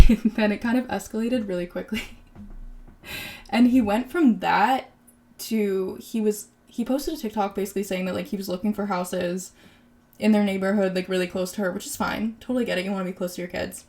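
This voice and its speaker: A woman's voice: mid-range voice, steady tone, moderate pace, a little mellow. A woman in her twenties hosting a podcast, chatting casually and sarcastically about celebrity gossip, with lots of "like". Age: 20s. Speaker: podcast host.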